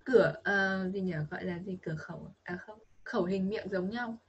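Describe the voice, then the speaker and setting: Breathy Vietnamese woman teaching pronunciation. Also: mid-range voice, normal speed, lo-fi sound. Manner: patient, coaching, models sounds repeatedly. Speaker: English teacher. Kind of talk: online pronunciation lesson for a child.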